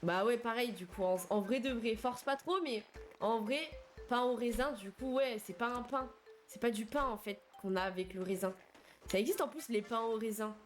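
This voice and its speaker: A woman's voice: a little high, moderate pace. A young woman streamer chatting casually and slangily with her viewers while she plays, answering their messages as they come in. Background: faint game music.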